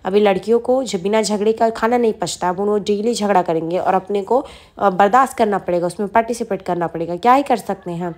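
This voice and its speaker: Give me a teasing young husband, read by a woman at a brisk pace. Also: mid-range voice, a little mellow, natural voice. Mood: grumbling. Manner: teasing, chatty banter.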